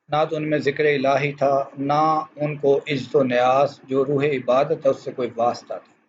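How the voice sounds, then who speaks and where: A male teacher delivers a formal lecture to his students in a measured, explanatory way. His voice sits a little high. The recording is dull and lo-fi, with a faint hiss behind it. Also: a little mellow. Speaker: school teacher.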